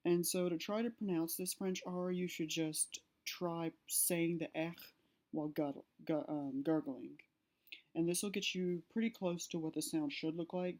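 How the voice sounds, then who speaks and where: A woman's voice: deep voice, a little mellow. A woman narrating a slide-based language lesson, explaining step by step with fillers and self-corrections. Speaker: language teacher.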